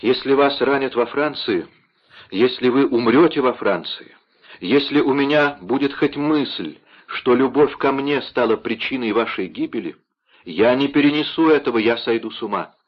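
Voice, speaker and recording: A man's voice: medium pitch, normal speed, dull audio, natural voice. A man voicing an anguished, proud young queen in an audiobook, pleading and emotional.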